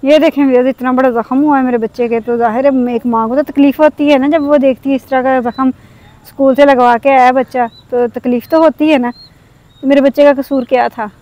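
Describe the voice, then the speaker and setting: Brief: high-pitched woman in her thirties, aggrieved, earnest vlog talk, recorded outdoors in a village. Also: fairly even intonation, fairly quick, dark tone. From Pakistan. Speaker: vlogger.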